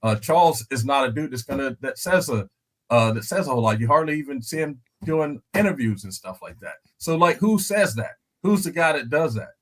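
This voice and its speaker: With a medium-pitched, fairly bright voice, lively intonation, and a brisk pace, an older former NFL lineman offers casual commentary as a podcast guest analyst. He's animated and repetitive, regularly asking "you know what I'm saying."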